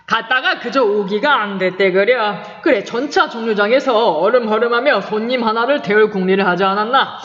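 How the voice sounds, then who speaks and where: A woman voicing a drunk, boastful male rickshaw puller who shouts coarsely, in a dull, echoey recording. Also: medium pitch, normal speed, hardly any pauses, natural voice. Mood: jovial. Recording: dull-toned echoey recording with long reverb.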